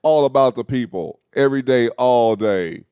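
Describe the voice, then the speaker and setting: A young man co-hosting a casual talk show, talking in loose slang and telling animated stories. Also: mid-range voice, moderate pace, smooth, dry recording. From Dallas, Texas. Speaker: host. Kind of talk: casual podcast chat.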